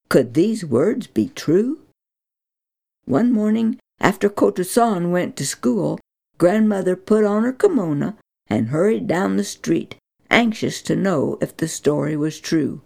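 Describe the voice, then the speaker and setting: A woman narrating a children's Bible story, reading slowly and with expression. Her voice rises and falls a great deal and has a strongly gravelly, creaky texture. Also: fairly low pitch, animated, a little mellow.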